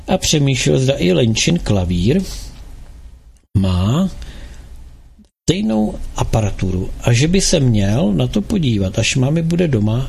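Gravelly, husky male narrator. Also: medium pitch. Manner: steady, measured reading. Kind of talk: audiobook narration.

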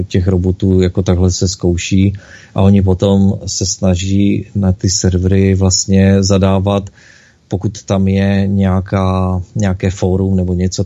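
A man's voice: deep voice, mellow. A man hosting a casual chat, talking hesitantly with many filler sounds. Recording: dull lo-fi recording.

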